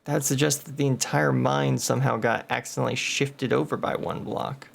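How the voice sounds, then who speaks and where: A man's voice: mid-range voice, steady tone, moderate pace, gravelly. A man hosting a gameplay video, thinking aloud and muttering numbers as he plays. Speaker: game video host. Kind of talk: casual gameplay commentary.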